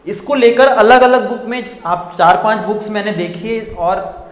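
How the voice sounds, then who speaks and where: A man's voice: high-pitched, normal speed. Echoey man drilling exam answers. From India. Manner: repetitive, quizzes students and answers himself. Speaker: teacher. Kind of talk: exam coaching lecture.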